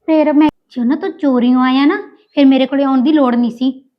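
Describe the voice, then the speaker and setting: A woman with a high voice scolds bluntly and sounds defiant. The recording is dull and lo-fi. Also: steady tone, fairly quick. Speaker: actress playing a demanding mistress. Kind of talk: Punjabi short film acting.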